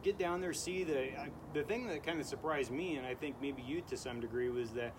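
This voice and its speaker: A man's voice: medium pitch, a little fast. A man hosting a casual podcast, talking at length in a rambling way. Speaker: podcast host. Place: outdoors in a backyard at night. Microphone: studio microphone on a stand. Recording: noisy outdoor backyard recording.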